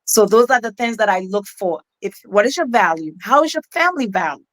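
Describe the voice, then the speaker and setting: A woman's voice: mid-range voice, lively intonation, fairly quick, fairly bright tone. A middle-aged woman from Ghana with a West African accent, telling her life story as an interview guest in an earnest, reflective way with many restarts. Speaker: guest, keynote speaker.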